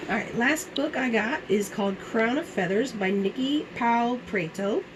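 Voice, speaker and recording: Woman doing a book haul, kinda high voice bit strained, excited and chatty, noisy recording. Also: measured pace. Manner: enthusiastic. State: strained voice, as she apologizes for it. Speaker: book reviewer and vlogger. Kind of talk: casual book haul chat with blurbs read aloud.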